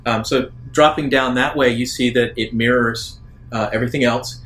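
A man serving as game master improvises narration for a tabletop roleplaying game in halting, thoughtful phrases. His voice is medium-pitched, steady, and a bit bright.

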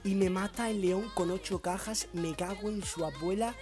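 A hoarse young man with a Spain Spanish accent, excitably commentating his own gameplay as a YouTuber, breaking into shouts and rambling. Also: high voice, normal speed, over music. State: hoarse, sore throat. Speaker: gaming YouTuber.

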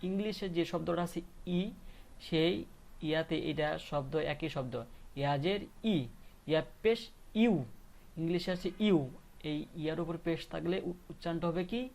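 A man teaching Quran reading, slowly drilling Arabic letter sounds with repeated question-and-answer steps. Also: fairly high pitch, vocal fry, a little mellow. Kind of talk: step-by-step recitation lesson.

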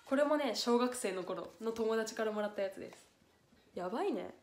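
A woman's voice: on the high side, animated, normal speed, a faint crowd. A young woman chatting on a solo livestream, reading letters aloud and getting close to tears. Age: young adult. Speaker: livestream idol host. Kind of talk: casual solo livestream chat. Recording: echoey room with faint noise.

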